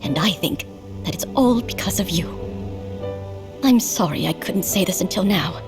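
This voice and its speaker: A woman voices an elderly lady in a game story, with a mid-pitched voice. She is tender and knowing, full of gratitude, with clear music playing behind her. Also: expressive, moderate pace, close to an everyday voice. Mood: grateful. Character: elderly human lady, grateful, tender, wise. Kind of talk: video game cutscene acting.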